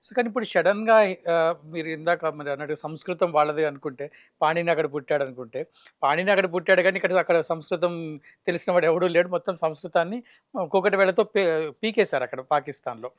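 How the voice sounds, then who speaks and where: A male interviewer with a Telugu accent asks his guest long, polite questions. His voice sits a little high for a man. The recording is dry and close. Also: quick pace, no room sound. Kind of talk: studio interview.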